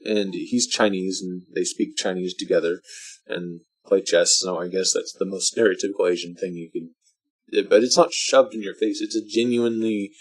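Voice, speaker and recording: A drunk man giving casual, rambling movie commentary, halting and meandering, often trailing off mid-thought. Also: deep voice, fairly even intonation, husky, poor audio. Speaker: vlogger reviewing a film.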